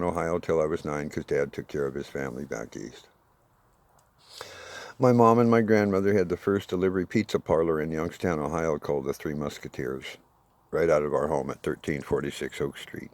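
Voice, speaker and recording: A man in his sixties giving a rambling, aggrieved monologue, swinging between loud bursts and low muttering. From United States. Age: 60s. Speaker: self-made video appeal.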